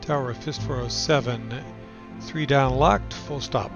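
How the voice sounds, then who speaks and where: A man's voice: mid-range voice, a little slow. Man making pilot radio calls on a headset. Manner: clipped, procedural radio phrasing. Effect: pilot radio calls over a cockpit headset. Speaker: flight sim pilot. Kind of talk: flight simulator playthrough with radio calls. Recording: muffled lo-fi audio with loud background music.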